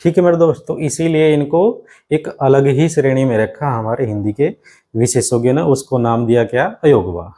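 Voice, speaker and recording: A man's voice: mid-range voice, normal speed, mellow. A man teaching a grammar lesson for exam students, explaining step by step with many rhetorical questions and often addressing the students as his friends.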